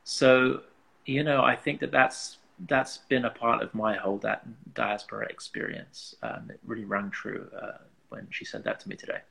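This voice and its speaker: A man from England with an English accent and a gravelly, slightly husky voice, talking earnestly and reflectively as an interview guest, working out thoughts in broken phrases. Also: mid-range voice, normal speed, pushed and bright, rough recording. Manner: earnest, searching, thinks aloud in broken phrases. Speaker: interview guest, musician and artist.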